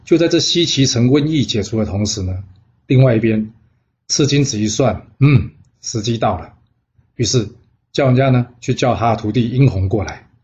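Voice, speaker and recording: A man's voice: medium pitch, expressive, moderate pace, a little mellow, dull audio. A man narrating a classic tale in a chatty way, asking rhetorical questions as he goes. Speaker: storyteller. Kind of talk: storytelling narration.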